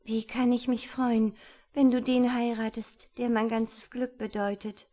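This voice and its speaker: A woman voicing a gentle, sorrowful young princess who pleads in a raised, plaintive voice. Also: on the high side, little pitch movement, unhurried, voice pushed up, close to an everyday voice. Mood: heartfelt.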